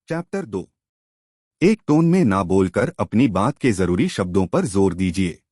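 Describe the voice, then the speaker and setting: A man's voice: lowish voice, a little mellow, dry recording, studio quality. A man narrating an audiobook-style book summary, explaining points and speaking directly to the listener with questions.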